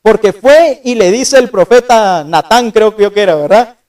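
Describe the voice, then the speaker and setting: A man's voice: high voice, normal speed, a little mellow, far from the mic. A man preaching a sermon who keeps asking his congregation rhetorical questions and acts out the scripture he quotes. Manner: acts out biblical quotes with raised voice.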